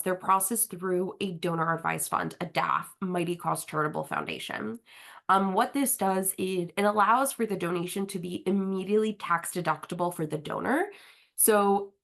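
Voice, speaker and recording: A sniffly marketing manager with a slight cold presents an online webinar on a video call. Her voice is medium-pitched and a bit bright, and her hosting style is casual and friendly, with lots of fillers.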